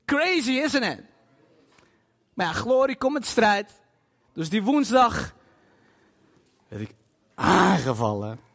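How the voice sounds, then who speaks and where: A man preaching a sermon to a congregation in a church hall, emphatic and animated, with bursts of loud emphasis and English phrases dropped in. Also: very high-pitched, vocal fry. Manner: scatters English phrases into his talk. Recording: long hall reverb.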